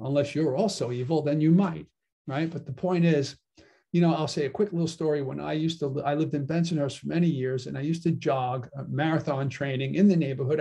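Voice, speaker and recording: A man's voice: fairly high pitch, vocal fry, warm tone. A man giving a casual philosophy lecture, explaining ideas in a conversational way and often checking in with "right?". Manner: conversational, frequent tag "right?". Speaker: philosophy teacher.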